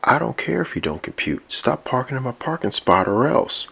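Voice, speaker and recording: A man voicing an indignant male robot toy who whines and yells about his parking spot, far above his own voice. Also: normal speed, vocal fry, slightly rough, full character voice. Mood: annoyed. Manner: shrill, whiny and yelling.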